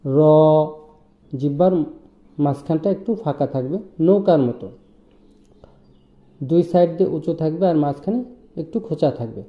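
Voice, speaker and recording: A man teaching Quranic letter pronunciation in a slow, patient lesson, drawing out each sound as he demonstrates it. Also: a little high. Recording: roomy, dull lo-fi sound.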